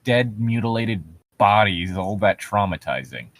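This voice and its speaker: Reading passages from internet horror stories, a male co-host mocks them with incredulous, sarcastic humor and casual profanity. His voice is lowish and animated, delivered at a measured pace.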